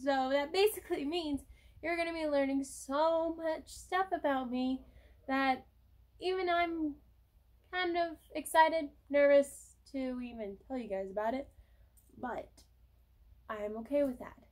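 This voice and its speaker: Young adult woman, high voice, rambling casual vlog chat into a phone. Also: measured pace, darkish tone. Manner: rambling, chatty, casual swearing. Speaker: vlogger. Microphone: cell phone.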